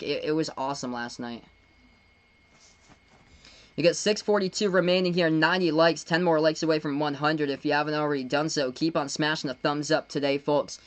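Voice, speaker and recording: A young man from Massachusetts, voice set a bit high, doing live basketball play-by-play on his stream. He rattles off fast, excited calls on the court action, then slows into easygoing chatter and thank-yous to his viewers. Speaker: live-stream sports commentator. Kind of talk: live play-by-play with chat shout-outs.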